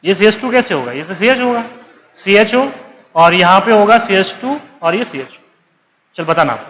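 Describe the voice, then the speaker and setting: A man's voice: high-pitched, animated, normal speed, fairly bright tone, in a large hall, poor audio. A male chemistry teacher giving a live class lecture, coaxing his students and checking again and again whether they understood. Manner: calls students 'beta', coaxing.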